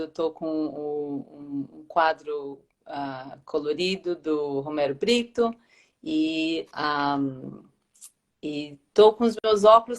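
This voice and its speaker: Hesitant woman in her fifties, lowish voice. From Brazil. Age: 50s. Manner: hesitant, many fillers and restarts. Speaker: guest, teacher. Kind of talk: live interview.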